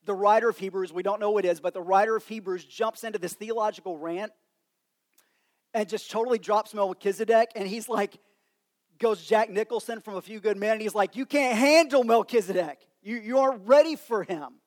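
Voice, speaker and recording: A man's voice: high-pitched, steady tone, a little fast. A man with a West Texas accent and twang, preaching a sermon in a conversational way.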